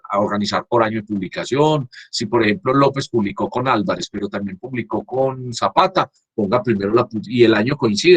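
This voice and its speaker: Husky-voiced male teacher, dry close computer mic, halting delivery with frequent restarts. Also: medium pitch, no echo. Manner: halting, frequent restarts, checks understanding with "¿cierto?". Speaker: university teacher. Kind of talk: online class lecture. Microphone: computer mic on a video call.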